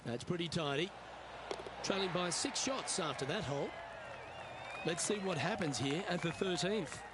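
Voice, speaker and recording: Understated male golf commentator, higher-than-average voice, game broadcast style, clear outdoor noise behind. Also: animated, moderate pace, over a noisy crowd. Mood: measured, understated. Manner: understated, short remarks on each shot.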